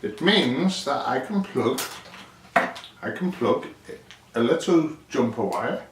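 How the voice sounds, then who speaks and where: A man presents his DIY project in a mid-range, expressive voice, taking it slowly. His hands-on explanation is casual and unscripted, rambling as he thinks aloud and questions himself; the audio is roomy and noisy from a distant mic, with clicks.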